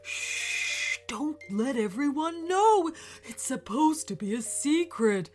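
A jittery, apologetic dinosaur, put on by a woman reading a storybook, who trips over his words in a high, sing-song voice that swoops up and down. He speaks slowly and fussily, with soft music playing underneath. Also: sing-song, full character voice. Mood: flustered. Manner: stammering, fussy and apologetic. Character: nervous, polite male dinosaur in disguise. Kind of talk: storybook character voice.

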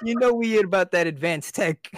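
Speaking fairly quickly in a high, fairly bright voice, this young man co-hosts a laid-back podcast conversation. His stories wander, full of swearing and frequent laughter, and the studio-quality audio has no echo.

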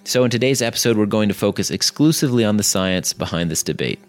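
A male podcast host with a low, gravelly voice delivers a scripted introduction. His words sit over music. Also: lively intonation, quick pace. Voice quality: deep, gravelly voice from being ill. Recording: music behind the voice.

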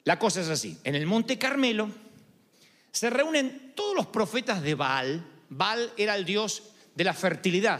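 A man's voice: high voice, a bit bright. A man preaching a sermon, telling a story dramatically and adding humorous asides. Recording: long hall reverb.

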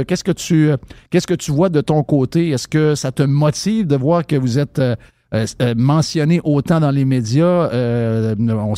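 Mellow-voiced Québécois radio host. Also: male voice, fairly high pitch, no echo. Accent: Québécois French. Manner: rambling, hesitant, with many fillers and restarts. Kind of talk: political talk radio interview.

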